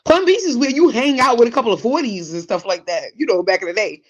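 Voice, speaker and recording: A woman in her forties with a Brooklyn New York accent, hosting a podcast in casual chat, animated, laughing often and digressing. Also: a little high, fast talker, dull audio. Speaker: podcast host. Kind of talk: casual chat reading listener comments.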